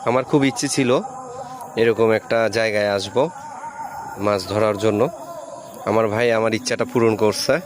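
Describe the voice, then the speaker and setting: A man's voice: on the low side, steady tone, moderate pace, long pauses, crowd noise. Chatty man vlogging outdoors. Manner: chatty, addresses viewers directly. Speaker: fishing vlogger. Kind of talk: casual vlog chat to viewers. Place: outdoors by a rural wetland.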